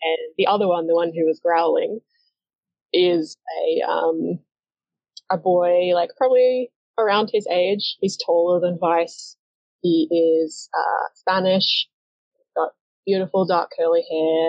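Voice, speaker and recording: A woman's voice: on the low side, steady tone, slow pace, no echo. A woman game master narrating a collaborative comic story game in a chatty, hesitant way with lots of fillers. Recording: dull, lo-fi and dry.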